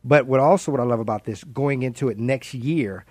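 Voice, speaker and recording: A man's voice: mid-range voice, brisk, darkish tone, dry recording. A man hosting a radio interview, talking in a chatty, enthusiastic way. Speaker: radio host.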